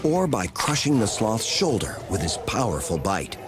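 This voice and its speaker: A man's voice: lowish voice, very animated, moderate pace, noisy background. A man narrating a nature documentary from a script, with dramatic storytelling delivery. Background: music under the voice.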